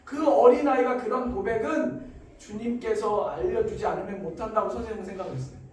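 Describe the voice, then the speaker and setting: A man's voice: sits high, brisk, a little hiss or hum. A man giving an emotional testimony in church, telling his story dramatically and acting out the voices in it. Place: church hall. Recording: echoey room, far from mic.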